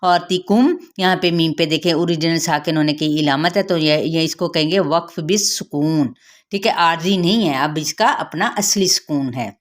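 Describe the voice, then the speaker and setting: A woman with a Pakistani Urdu accent teaching Quran recitation, patiently explaining rules and stretching out sounds slowly to demonstrate them. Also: low-pitched. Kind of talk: tajweed lesson with slow demonstrations.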